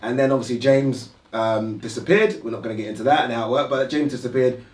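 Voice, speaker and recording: A man's voice: mid-range voice, quick pace. A man hosting a casual interview in a small studio room, chatty and swearing now and then. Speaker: interviewer, show host. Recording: roomy sound from a distant mic.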